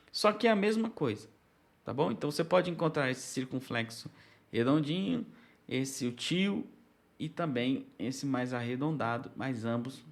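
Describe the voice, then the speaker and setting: Brazilian male teacher, slightly high-pitched, explains patiently and checks in often. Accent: Brazilian Portuguese. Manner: explanatory, with frequent check-ins and restarts. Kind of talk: recorded lecture on biblical Greek.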